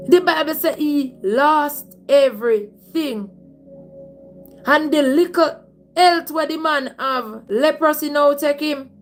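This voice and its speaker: Casting: female Jamaican preacher, high-pitched, emphatic storytelling sermon with Patois turns, music underneath. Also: slow. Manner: emphatic, repeats phrases, slips into Patois. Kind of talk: livestream sermon, conversational storytelling.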